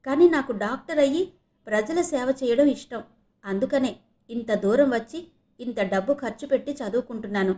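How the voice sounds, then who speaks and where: A woman's voice: a little high, normal speed, dark tone, natural voice. A woman voicing a playful young female medical student in an audio novel reading. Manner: playful, teasing.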